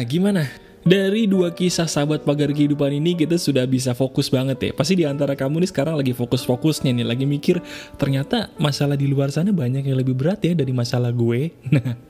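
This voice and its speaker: A man, hosting an advice show and answering listener emails in a casual, lively way, mixing slang and acting out quoted voices. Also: mid-range voice. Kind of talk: casual spoken advice monologue. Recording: soft guitar music behind.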